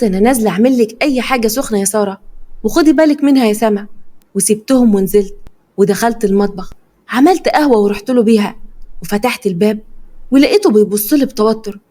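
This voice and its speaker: A young woman with an Egyptian accent narrating a first-person story, voicing every character's dialogue herself. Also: fairly high pitch. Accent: Egyptian Arabic. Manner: quick, lively dialogue voicing.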